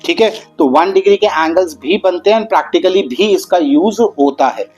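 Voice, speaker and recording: A male math teacher explains geometry in a patient, encouraging way. His voice sits a little high for a man, and he drags out the important terms. Soft music plays faintly behind him. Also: breathy edge, dull audio. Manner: patient, addresses students as "beta"; slows down and stretches out key terms.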